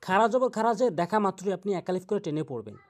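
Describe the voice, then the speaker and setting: A man's voice: high voice, big pitch swings. Man teaching Quran pronunciation in Bengali-accented speech. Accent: Bangladeshi Bengali. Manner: explains pronunciation step by step, repeats sounds slowly. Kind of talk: Quran recitation lesson.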